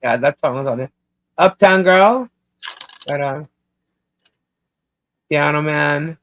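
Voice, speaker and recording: A woman's voice: low voice, slow pace. A woman from Long Island hosting a live stream in casual chat, rambling and laughing, her voice cutting out over a bad internet connection. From Long Island, New York. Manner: chatty, rambling, laughs often. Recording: dull, dry, lo-fi stream audio.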